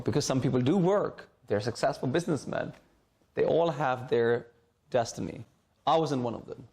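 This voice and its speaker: A middle-aged man from Hong Kong, medium-pitched with a darkish tone, sits in a school library talking casually to students as a returning alumnus. He often repeats words while hunting for the right phrasing.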